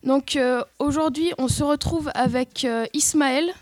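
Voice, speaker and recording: High-pitched schoolgirl hosting school radio. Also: a little slow, no echo, studio quality. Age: young student. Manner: reads from notes, stiff, hesitant. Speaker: student radio host. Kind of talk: scripted school radio interview.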